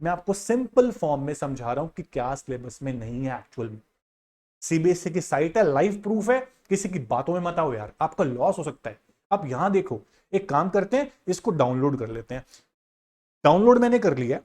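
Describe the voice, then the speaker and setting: A man's voice: fairly high pitch, sing-song, brisk, a little mellow. A male economics teacher guiding students through an exam syllabus in a direct, insistent, casual way. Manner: direct, insistent, addresses students as "yaar" and "bhai". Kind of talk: casual exam-guidance lesson, screen walkthrough.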